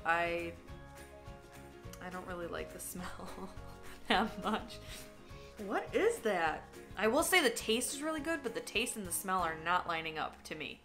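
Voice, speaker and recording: A woman chatting casually while tasting food for a vlog, candid and talkative, sometimes talking with her mouth full. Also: fairly low pitch. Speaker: vlogger. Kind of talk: casual taste-test vlog.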